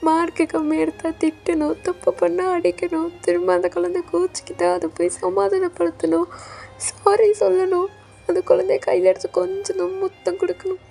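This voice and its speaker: A desperate young man in a fan audio drama, pleading and insistent, close to tears, as a woman acts him out. The voice sits very high and carries a gravelly fry. Its tone is dark and mellow, with soft music underneath. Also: little pitch movement, normal speed, exaggerated voice. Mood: begging.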